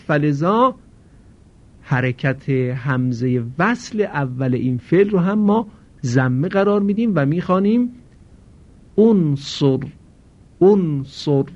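A man with a slightly high voice leads a grammar lesson at a slow, deliberate pace. He puts questions to his students and answers them himself. The recording is dull and lo-fi. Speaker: Arabic grammar teacher.

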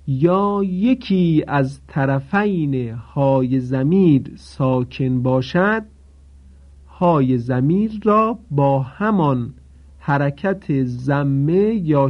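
A man teaching a step-by-step recitation lesson, methodical and repeating his points while asking listeners to pay attention. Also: fairly high pitch. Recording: dull lo-fi recording.

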